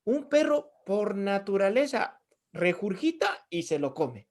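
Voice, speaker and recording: A man's voice: high voice, big pitch swings, unhurried. A middle-aged man teaching a theology class, asking his students rhetorical questions and answering them himself. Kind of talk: Bible class lecture.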